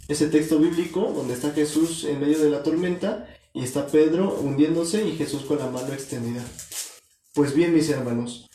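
A male preacher delivers a sermon in an earnest, direct way, turning to his listeners as brothers. His voice is mellow and a little high for a man. The room around him rings with echo. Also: slight background noise. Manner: earnest, addresses listeners as brothers, corrects himself. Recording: echoey room.

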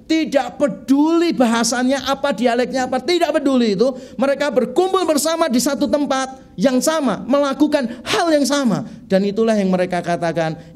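A middle-aged man preaching a sermon in a conversational, animated way, telling humorous stories. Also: very high-pitched, normal speed, hardly any pauses. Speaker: pastor.

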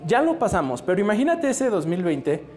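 High-voiced playful preacher man. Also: very animated, a little fast, a little mellow. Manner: playful, joking, quizzes the children. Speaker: children's preacher. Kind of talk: storytelling sermon for children.

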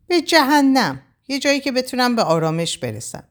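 A woman's voice: medium pitch, big pitch swings, close to an everyday voice. A woman reading a novel aloud, voicing a distraught young woman who is crying and lashing out. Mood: angry. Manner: sobbing, raised and pleading outbursts. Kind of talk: audiobook character voice.

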